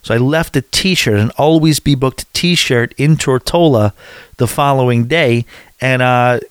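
A man's voice: medium pitch, a little slow, clear, resonant tone, no room sound, clean studio sound. An American man casually recapping his trip in a rambling, chatty way, with frequent restarts. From USA. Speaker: cruise vlogger.

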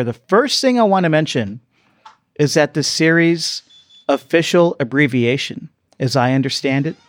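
A man's voice: medium pitch, no room sound. A man hosting a casual podcast, steering the talk with jokes. His voice sits in an ordinary middle range. The sound is dry and close, with no room around it. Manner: joking, leads the segments. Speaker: podcast host. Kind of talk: casual chat. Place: studio, live stream.

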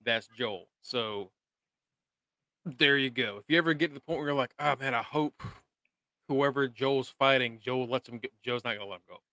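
A man's voice: mid-range voice, brisk, sharp tone. A young adult man, co-hosting a podcast, talkative and laughing, swearing freely in casual chat. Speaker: podcast co-host. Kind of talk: casual chat recapping a show.

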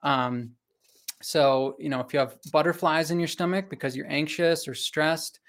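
Slightly higher-pitched man, casual explainer. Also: fairly even intonation, moderate pace, a bit bright. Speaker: co-host. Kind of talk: casual explanatory science talk.

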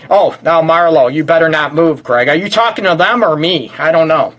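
A man's voice: on the high side, normal speed, a bit bright. A middle-aged man hosting a relationship talk show from his office, joking and teasing his guest as he talks. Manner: joking, teasing, self-described smart aleck. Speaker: relationship counselor and show host. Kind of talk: casual talk show interview.

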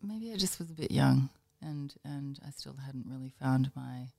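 Woman guest from Northern Ireland, low voice, soft-spoken and halting, trails off at the ends of lines. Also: creaky. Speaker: podcast guest, designer. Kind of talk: podcast interview chat.

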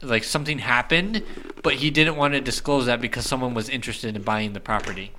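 A man with a bright, forceful voice co-hosts a laid-back podcast. He rambles in a chatty way, filling gaps with "like" and "uh". His pitch sits in an ordinary middle range for a man. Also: brisk, slight background noise. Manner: chatty, lots of fillers and restarts. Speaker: podcast co-host. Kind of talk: casual podcast chat.

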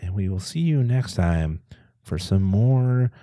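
A man co-hosting a casual podcast chat, playful and animated, tossing in pirate growls. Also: lowish voice, takes it slowly, dry recording, clean studio sound. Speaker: podcast co-host.

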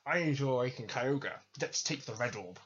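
A man's voice: medium pitch, lively intonation, moderate pace, fairly bright tone, dull audio, natural voice. A man doing a flustered, sweary villain boss. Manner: stumbling, swears at his own slips. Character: flustered adult male villain leader, sweary.

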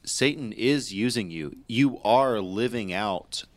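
Give me a deep-voiced man leading a Bible talk. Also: slow. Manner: emphatic, preacherly build-ups. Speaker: host leading a discussion.

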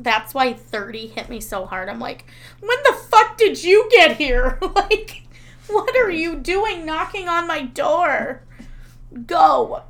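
A woman's voice: sits high, a bit bright. A woman in her thirties co-hosting a casual podcast chat, candid and self-mocking, swearing freely. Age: 30s. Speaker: podcast co-host.

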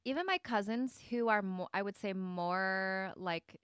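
A woman in her thirties from Michigan with a Midwestern American accent, a podcast guest chatting casually in an excitable, animated way and laughing loudly. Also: medium pitch, a little slow, clear, resonant tone, no room sound, clean studio sound. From Michigan, USA. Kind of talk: casual chat.

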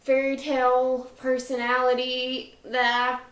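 A woman's voice: high-pitched, monotone, slow, fairly bright tone, echoey room, rough recording. A woman in her twenties co-hosting a podcast, talking candidly in a chatty way and laughing between phrases. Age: 20s. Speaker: podcast co-host. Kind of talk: casual podcast chat.

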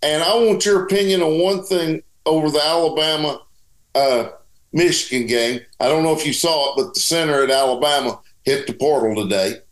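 Emphatic higher-voiced man, echoey room. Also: normal speed. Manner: emphatic, repeats phrases to drive points home. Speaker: sports show co-host. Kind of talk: casual sports commentary. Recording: roomy, echoing sound.

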